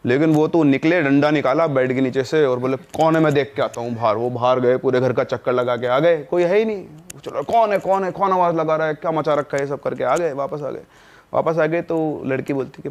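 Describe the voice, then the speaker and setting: A man's voice: medium pitch, fairly even intonation, normal speed, creaky, a little mellow, dull audio. A man, a podcast guest telling a horror story and briefly acting out the family members' lines.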